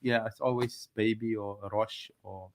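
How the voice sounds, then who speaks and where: A man co-hosting a casual live chat about marriage with his wife, speaking in halting, restarting phrases and laughing often. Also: fairly low pitch, fairly even intonation, very noisy. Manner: halting, many restarts, chuckling. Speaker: co-host of a couple's live talk.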